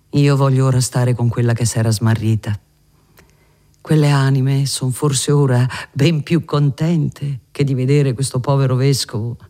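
A man voicing a gentle, fervent elderly cardinal who speaks with earnest tenderness. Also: medium pitch, natural voice.

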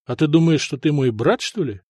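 A man's voice: fairly high pitch, lively intonation, brisk, a little mellow, no room sound. A male audiobook narrator voicing a burly, brash and skeptical grown man. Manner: brash, gruff, dismissive.

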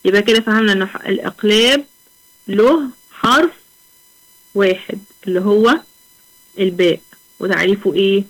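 A woman's voice: mid-range voice, poor audio. Patient Egyptian woman teaching recitation. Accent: Egyptian Arabic. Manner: patient, asks questions then answers them, drawls example words slowly. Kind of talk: online tajweed lesson.

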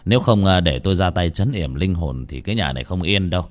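An ominous old fortune-teller delivers dire warnings in a deep, grave tone in a spoken ghost story, as a male reader plays him. He sounds self-important and weighty. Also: lively intonation, fast. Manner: low, grave, portentous.

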